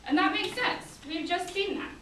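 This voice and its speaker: A woman's voice: very high-pitched, moderate pace, pushed and bright. A woman speaking as a teacher to her class, firm and directive, checking that students respond. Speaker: geometry teacher. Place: indoor classroom. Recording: echoey classroom, distant mic, faint noise.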